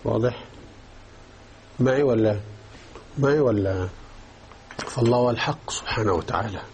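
A man's voice: medium pitch, normal speed, a little mellow, slight background noise. A man teaching Islamic jurisprudence, explaining a text and often checking that his students are following. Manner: explanatory, checks understanding with repeated questions. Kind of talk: religious lesson explaining a text.

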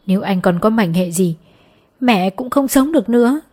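A woman's voice: animated, normal speed, darkish tone, lightly acted. A woman reading an audiobook, voicing a distraught middle-aged mother who pleads for her son through tears. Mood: pleading. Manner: sobbing, pleading, raised pitch. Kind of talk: audiobook character voice.

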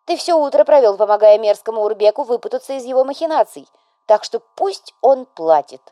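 A woman's voice: a little high, animated, fairly quick, mellow, no echo, voice pushed up, natural voice. A woman voicing an overbearing, melodramatic widowed mother who scolds and presses her grown son, in an audiobook. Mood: scolding, tragic.

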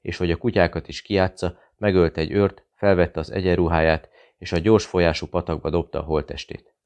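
Male audiobook narrator, very low pitch, steady measured delivery. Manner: measured, even reading. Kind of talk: scripted narration.

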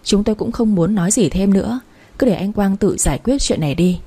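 A woman narrating a family story in the first person, in an even storytelling manner. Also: medium pitch, brisk, husky.

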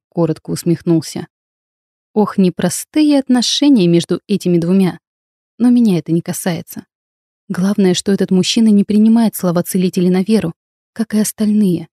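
A woman narrating a fantasy novel in the first person, in a measured, expressive storytelling voice. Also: medium pitch, dry recording, studio quality. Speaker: audiobook narrator.

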